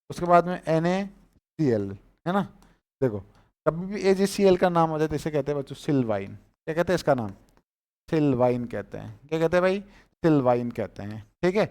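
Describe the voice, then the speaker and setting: A man's voice: fairly high pitch, a little mellow, smooth. Rajasthani man teaching a chemistry class. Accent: Rajasthani Hindi. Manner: repeats each term and quizzes the students on it.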